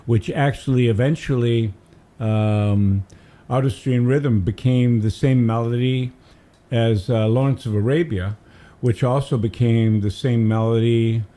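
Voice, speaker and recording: An older guest radio DJ from Massachusetts wanders through enthusiastic stories in casual studio conversation, humming melodies as he goes. His mid-range voice is steady, unhurried and dark.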